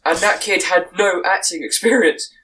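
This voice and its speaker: A man co-hosting a podcast, talking about a film in an animated, opinionated way and often restarting his sentences. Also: sits high, normal speed, recorded from a distance, poor audio. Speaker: podcast co-host. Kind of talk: casual film discussion.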